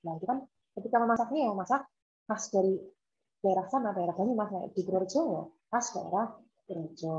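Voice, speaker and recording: A woman from Indonesia with a medium-pitched, slightly mellow voice teaches an online university class over a laptop video call. She explains informally, using examples and repetition, and asks her students questions. The audio is dull and lo-fi, typical of a video call.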